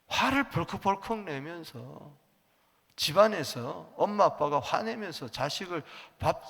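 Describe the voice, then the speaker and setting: A man's voice: fairly high pitch, creaky, a bit bright, big-room sound. A male pastor preaching emphatically to his congregation, having them repeat lines after him. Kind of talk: sermon. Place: church sanctuary.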